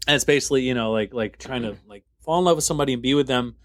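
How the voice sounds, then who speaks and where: A man co-hosting a podcast, chatting casually about albums in a relaxed, rambling way full of fillers and restarts. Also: medium pitch, racing. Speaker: podcast co-host. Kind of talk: casual music review chat.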